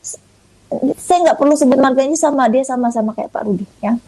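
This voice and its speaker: A woman from Indonesia giving a conversational testimony in an interview, telling her story in a lively way and acting out the dialogue. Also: high voice, brisk, poor audio. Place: online audio room.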